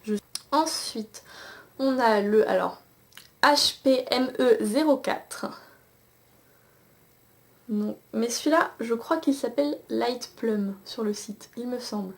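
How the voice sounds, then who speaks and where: A woman's voice: fairly high pitch, slow, creaky, long pauses. A young woman casually reviewing eyeshadows to a camcorder, chatty, with many fillers and restarts. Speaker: beauty vlogger. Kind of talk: casual makeup review with swatches. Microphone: camcorder mic.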